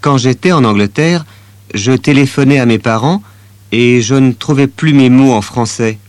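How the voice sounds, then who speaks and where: A man playing a French teenage boy in a scripted listening exercise, speaking calmly and plainly. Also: mid-range voice, moderate pace, dry recording, natural voice. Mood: steady. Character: young French teenage boy telling about languages.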